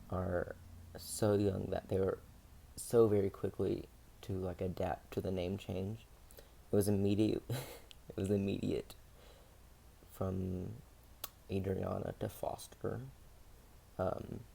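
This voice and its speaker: A young man with a deep, mellow voice shares his story in a personal video diary. He talks hesitantly, pausing often and filling gaps with soft fillers, and his voice has a gravelly edge. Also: a little hiss or hum. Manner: hesitant, many pauses and fillers. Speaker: vlogger.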